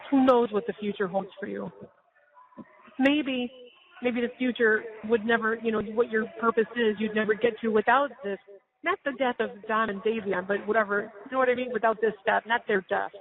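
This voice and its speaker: A middle-aged woman on a phone call, gently reassuring her daughter. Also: fairly high pitch, fairly even intonation, brisk. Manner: soothing, reassuring. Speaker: parent on a jail call. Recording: tinny jail phone line.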